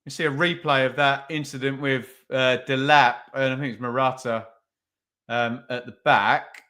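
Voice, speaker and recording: A man's voice: mid-range voice, steady tone, moderate pace, pushed and bright. A man hosting a podcast, giving casual live watch-along commentary on a football match, chatty and thinking aloud with tag questions. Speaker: podcast host.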